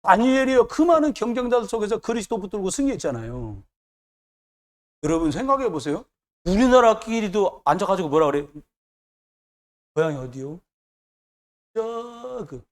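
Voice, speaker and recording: A man's voice: high voice, very animated, a little fast. A man preaching a sermon as pastor, emphatic and repetitive, with joking asides.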